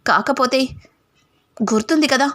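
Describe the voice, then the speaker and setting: A woman's voice: high voice, unhurried, fairly bright tone. A woman voicing a stern, commanding older aunt in a retold serial.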